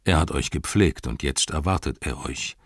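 A man reading an audiobook voices a wise, gentle old male wizard who speaks in a calm, measured way. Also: a bass voice, no room sound, clean studio sound, voice pushed down. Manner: calm, measured, soft-spoken.

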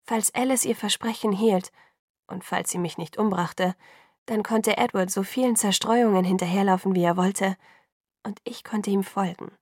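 A woman narrating a novel in the first person, calm and measured, on a close studio mic. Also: medium pitch, no echo. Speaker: audiobook narrator.

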